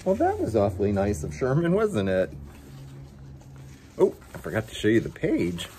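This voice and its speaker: With a warm, lowish voice whose pitch swoops wildly, a story time host reads a picture book at a moderate pace. Between passages he playfully coaxes the children and speaks directly to them.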